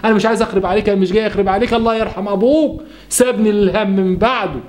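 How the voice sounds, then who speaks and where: A man's voice: high voice, fairly even intonation, racing, natural voice. A man voicing an old widowed mother with an Egyptian accent, meek and pleading. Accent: Egyptian Arabic. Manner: pleading, self-effacing.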